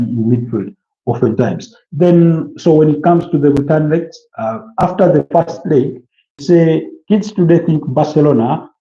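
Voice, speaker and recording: Football pundit, a man in his early thirties with a middling voice, chatty and rambling, full of "uh"s and restarts. The recording is roomy and dull. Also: mid-range voice. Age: early 30s. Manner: rambling, many fillers and restarts, lists player names. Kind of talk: casual football talk show chat.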